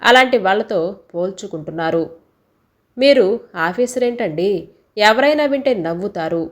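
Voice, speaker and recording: A woman's voice: mid-range voice, lively intonation, moderate pace, close to an everyday voice. A woman voicing a hurt, fed-up wife who firmly stands up to her drinking husband. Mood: reproachful.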